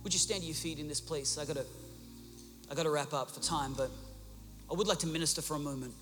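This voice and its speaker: A man's voice: on the high side, quick pace, fairly bright tone, in a large hall, soft background music. A male pastor preaching a sermon in a large church, with emphatic repeated refrains.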